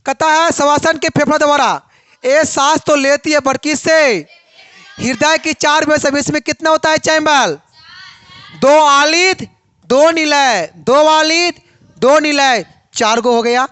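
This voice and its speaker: A woman teacher leads a biology class. She speaks in a high, unhurried voice and keeps asking her students questions before she answers them herself. The recording is dry and close. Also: fairly bright tone, no echo.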